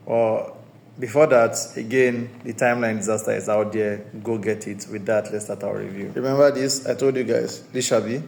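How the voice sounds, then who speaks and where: A man's voice: on the low side, creaky, darkish tone, slight background noise. A man giving a casual, discursive spoken movie review as the host of his own channel, often circling back to restate his points. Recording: roomy echoey room sound.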